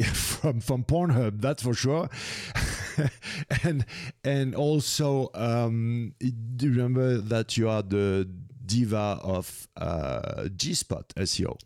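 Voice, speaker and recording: A man's voice: medium pitch, slow, darkish tone, no echo, studio quality. A man hosting a casual podcast chat, teasing and hesitant, with many fillers. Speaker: podcast host.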